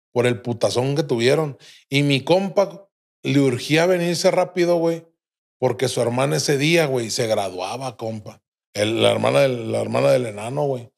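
A man's voice: medium pitch, creaky. A young adult man with a Mexican accent, a podcast guest telling a crude, vivid story full of slang and swearing. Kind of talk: casual storytelling.

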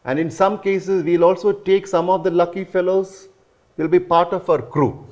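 A man's voice: high-pitched, steady tone, moderate pace, darkish tone. Male journalist host. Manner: earnest, promotional, with frequent "you know" fillers. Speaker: host, aerospace and defense journalist. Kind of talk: promotional interview chat. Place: living room, indoors.

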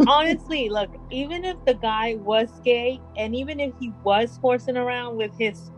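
A woman's voice: fairly high pitch, moderate pace, soft background music, low-quality recording. A woman co-hosting a true-crime podcast, giving blunt, outspoken opinions in casual chat. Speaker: podcast co-host.

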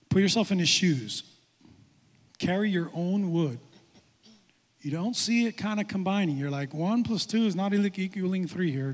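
A male pastor with a high-pitched voice preaches to young adults in an animated sermon. He moves from quiet, reflective talk to loud, excited exclamations. A long reverb from the hall trails behind each phrase.

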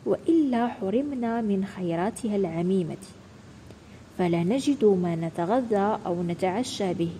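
A woman voicing a sly, clever male fox in a children's storybook, talking in a hushed, confiding way. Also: slight background noise, lightly acted, low-quality recording. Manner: hushed, confiding, sometimes dropping low.

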